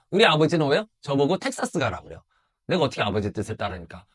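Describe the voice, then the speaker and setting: Animated, higher-voiced male preacher. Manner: emphatic preaching with rhetorical questions. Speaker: pastor. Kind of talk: sermon.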